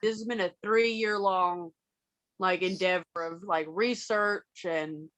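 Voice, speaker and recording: A woman's voice: lowish voice, fairly even intonation, slow pace, a bit bright, no echo. A woman co-hosting a casual chat, adding brief interjections to her friend's story. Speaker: co-host.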